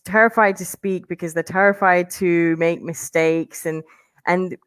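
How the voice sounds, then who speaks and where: A woman's voice: mid-range voice, smooth, no echo. A woman from London, with part of her childhood in Colombia, speaking with a neutral accent that is hard to place. She is an online English teacher talking as an interview guest over a video call, chatty and encouraging, and she laughs easily. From London, with childhood partly in Colombia. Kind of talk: casual interview. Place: home near Toronto.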